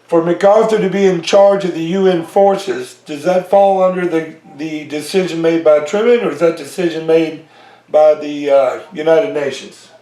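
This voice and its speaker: A man's voice: on the high side, steady tone, moderate pace, dark tone. A man interviewing a guest over a phone line that sounds like an echo chamber, asking long questions he restarts as he goes. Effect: echo chamber reverb on his line. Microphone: phone call. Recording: echoey, distant phone line.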